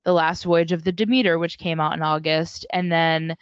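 A woman's voice: low-pitched, steady tone, normal speed, no room sound. A woman co-hosting a casual book podcast over a video call, rambling with lots of ums and likes. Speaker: podcast co-host and bookstore worker. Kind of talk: casual chat. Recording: dry, dull lo-fi call audio.

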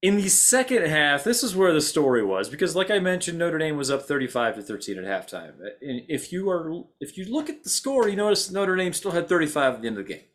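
A man's voice: on the high side, very animated, fairly quick, few pauses, fairly bright tone. A young man co-hosting a college football podcast, recapping games with dry sarcasm. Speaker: podcast co-host. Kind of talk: casual sports talk.

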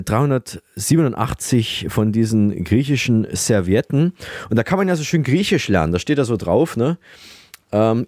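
A man hosting a comedy podcast, rambling and hesitant with many fillers, in a deadpan tone. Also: medium pitch, dry recording, studio quality. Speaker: podcast host.

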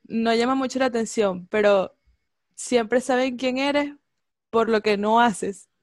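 A woman in casual chat, lively and slangy, laughing often and acting out quotes. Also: fairly high pitch, slow pace, no room sound, studio quality.

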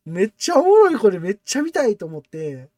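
A man with a Kansai accent chatting on a podcast, his pitch leaping all over as he tells a story and laughs. He gets excitable. The sound is close and dry, with no room around it. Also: brisk, no echo. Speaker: podcast host. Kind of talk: casual chat.

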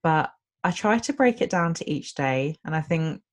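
A woman's voice: deep voice, lively intonation, moderate pace. A woman in her late twenties chatting casually, enthusiastic and rambling, with frequent giggles. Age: late 20s. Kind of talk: casual chat.

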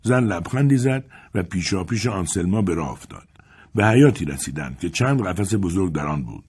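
A man narrating an audiobook in a calm, measured storytelling manner. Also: deep voice, slightly rough. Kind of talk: scripted narration.

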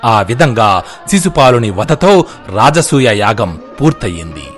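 A man's voice: mid-range voice, very animated, unhurried, faint music behind. A man narrating an epic in a scripted, dramatic storytelling manner.

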